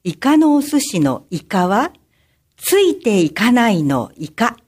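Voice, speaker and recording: A woman in a crime-prevention troupe slowly explaining a safety slogan for children on a radio show. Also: mid-range voice, big pitch swings, darkish tone. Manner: slow, deliberate teaching.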